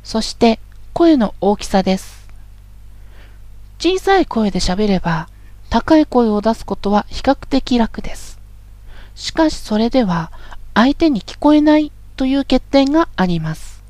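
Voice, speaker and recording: A woman instructor talks through a voice lesson in a calm, polite, measured way. Her voice sits fairly high and is recorded dry and close, with no room sound. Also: no echo. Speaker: voice training instructor. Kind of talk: scripted voice lesson narration.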